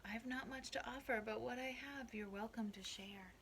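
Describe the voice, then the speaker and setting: A woman voicing a kind, poor old man in a storybook, gentle and earnest. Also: a little high, moderate pace, noisy background, lightly acted.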